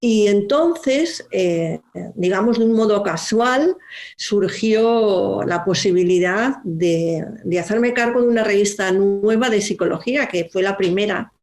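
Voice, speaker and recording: A woman from Spain, a magazine director, talking as a guest in a relaxed interview, rambling with frequent fillers. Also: medium pitch. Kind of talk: casual interview.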